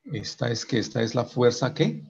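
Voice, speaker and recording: A man's voice: mid-range voice, big pitch swings, moderate pace, gravelly, a little mellow, highs cut off, slight background noise. A man teaching an engineering class online, working through equations step by step and checking in with "right?" after each step, often restarting his sentences. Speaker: engineering professor.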